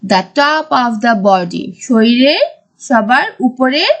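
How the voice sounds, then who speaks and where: Woman teacher, high lively voice, slow deliberate classroom delivery. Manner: slow, drawn-out word-by-word teaching; mixes English words with Bengali explanations. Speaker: primary school English teacher. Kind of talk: recorded classroom lesson.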